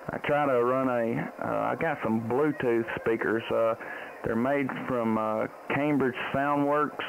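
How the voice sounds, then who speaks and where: A middle-aged man from Tennessee hosts a casual amateur radio livestream from a small home radio room, chatting and calling on ham radio. He speaks close to a boom mic on his headset, and the sound is dull and lo-fi with faint radio noise.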